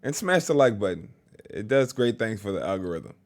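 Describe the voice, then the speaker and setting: A man's voice: lowish voice, big pitch swings, brisk. A man hosting a reaction video, chatting casually in slang and hyping up the person on screen. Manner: chatty, slangy, hypes the viewer.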